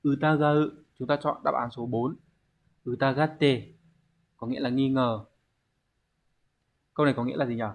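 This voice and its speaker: Speaking at a medium pitch, a man works through an online exam-prep language lesson one step at a time, putting rhetorical questions to his students.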